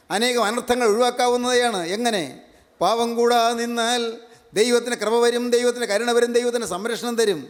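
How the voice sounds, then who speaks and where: An older man preaching a sermon, emphatic and repetitive, slowing down to stress key words. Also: extremely high pitch. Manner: emphatic, repeats each verse phrase, slows on key words. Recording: long hall reverb.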